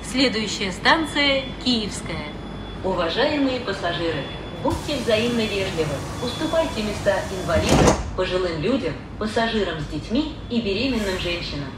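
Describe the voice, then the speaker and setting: A woman's measured, formal metro announcement plays over a train loudspeaker. Her voice rises and falls in lively, sing-song lines. It rings back from the hard walls of the car and reaches the mic from a distance, with loud train rumble underneath. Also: very echoey. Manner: measured, formal, clearly articulated. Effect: played over a train loudspeaker. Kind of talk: recorded transit announcements. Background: train rumble and ambience.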